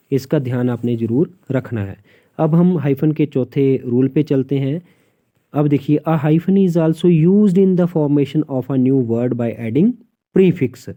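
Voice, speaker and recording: Slow, deliberate male teacher, tinny sound. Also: on the high side. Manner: reads English rules slowly, then explains; asks and answers his own questions. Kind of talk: grammar lesson in Hindi with English rules.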